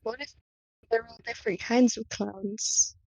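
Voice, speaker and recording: A woman's voice: fairly high pitch, fairly even intonation, unhurried, vocal fry, darkish tone, no echo, low-quality recording. A woman hosting a podcast in casual, conversational talk. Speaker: podcast host.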